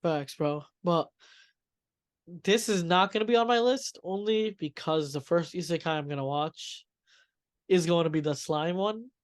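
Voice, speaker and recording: A man co-hosting a podcast while feeling sick, hyping anime in casual, slangy talk. He repeats phrases as he goes, in a voice pitched a little high for a man. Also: measured pace. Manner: slangy, hyped, repeats himself. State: sick, coughing. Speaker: podcast co-host. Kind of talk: casual chat about anime.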